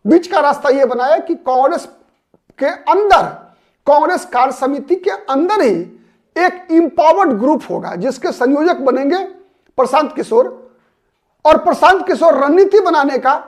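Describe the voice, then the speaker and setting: Hosting his own show, a man with a very high, animated voice gives solo political commentary to camera at a normal speed. He builds his analysis step by step, repeating names and key terms for emphasis, and periodically asks rhetorical questions that he then answers himself.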